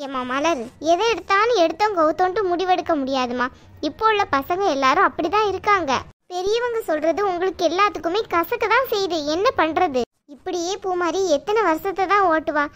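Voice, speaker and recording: A woman voicing a chatty, pushy middle-aged auntie who insists on arranging a match in an animated story. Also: very high voice, fairly quick. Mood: defensive. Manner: coaxing, insistent, talks at length. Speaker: married neighbour acting as matchmaker. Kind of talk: cartoon voice acting.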